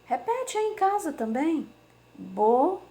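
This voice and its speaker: A woman teacher giving a slow, patient remote lesson to young children, sounding out words syllable by syllable. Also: on the high side, lively intonation, darkish tone. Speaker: primary school teacher.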